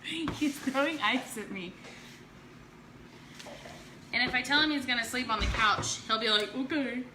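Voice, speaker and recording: Demonstrating chalk crafts on a casual home live stream, a woman jokes with viewers, teases them and laughs frequently. Her voice is a little high, her pace measured with frequent pauses, and there's background noise.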